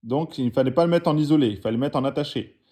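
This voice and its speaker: A man with a mellow, mid-range voice speaks very fast as he teaches the Arabic alphabet to a French-speaking audience. He patiently corrects written exercises and spells out each letter and vowel aloud.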